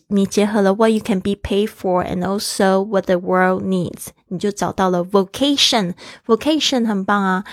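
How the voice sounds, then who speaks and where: A woman teaching English vocabulary in a bilingual lesson, slowing down to spell words out letter by letter. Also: medium pitch, no echo, studio quality.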